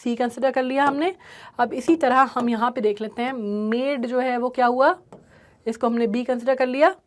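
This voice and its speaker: Woman teacher with a high voice, explains a poem step by step and keeps checking in with her students. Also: steady tone, normal speed. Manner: repeats "ठीक है" often, mixes English terms into Hindi.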